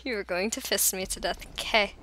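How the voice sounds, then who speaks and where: A woman hosting a casual gaming chat, exasperated and teasing, with sudden loud outbursts. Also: medium pitch, fairly quick, background noise. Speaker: channel host.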